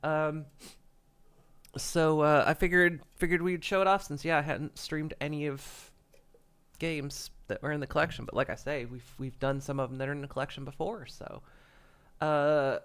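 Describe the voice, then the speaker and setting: A livestreamer with a slightly raised, a bit bright voice chats casually with his audience, clearly congested with a stuffy nose. He rambles at a moderate pace with fairly even intonation, chuckling often and restarting his sentences. He seems to be using a desk microphone at a home setup.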